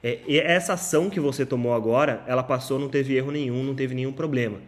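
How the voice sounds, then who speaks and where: A man's voice: medium pitch, fast talker. A man giving a casual screen-share tech tutorial, with many filler sounds and self-corrections. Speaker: instructor.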